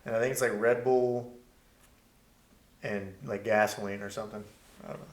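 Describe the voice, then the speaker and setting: A man's voice: fairly low pitch, fairly even intonation, moderate pace, reverberant. A young man co-hosting a casual podcast chat with dry, laid-back banter. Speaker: podcast co-host.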